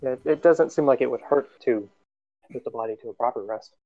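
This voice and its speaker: A man of average pitch talks casually during a tabletop game. His microphone sounds thin and lo-fi, close to a phone line. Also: fairly quick. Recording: muffled lo-fi microphone.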